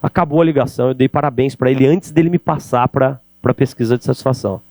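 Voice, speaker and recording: A middle-aged Brazilian man giving an energetic business lecture on sales, talking straight to the audience with rhetorical questions. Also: medium pitch, fast talker, dry recording. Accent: Brazilian Portuguese. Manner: animated, addresses audience directly with rhetorical questions. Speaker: keynote speaker on sales. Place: event hall.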